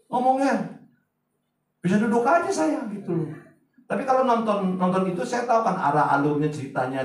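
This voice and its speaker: Pastor preaching in an echoey hall. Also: male voice, very high-pitched, distant mic. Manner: chatty, swings from loud to hushed asides. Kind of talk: sermon. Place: large church hall.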